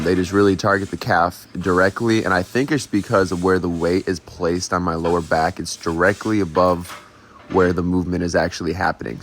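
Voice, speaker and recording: A man's voice: sits low, fairly bright tone, a little hiss or hum. A young man, a fitness vlogger, giving casual commentary on a workout.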